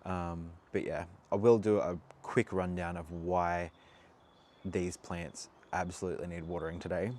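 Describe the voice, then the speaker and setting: Man, low voice, laid-back how-to talk, lots of asides and fillers. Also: level tone, measured pace, a little mellow. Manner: loose and chatty, many fillers and asides. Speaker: plant channel host. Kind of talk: casual how-to talk to camera.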